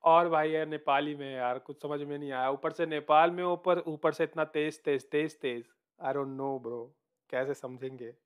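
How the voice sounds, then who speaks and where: A man's voice: on the high side, steady tone, a little slow, clear, resonant tone. A man hosting a music reaction video, chatting casually, mixing Hindi and English, with hesitant fillers and calling the listener bro.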